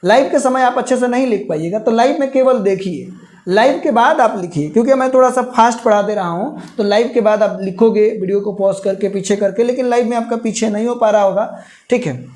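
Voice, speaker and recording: A man from India teaching a live online math class, explaining slowly step by step and repeating key terms with English words mixed in. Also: sits high, a little mellow.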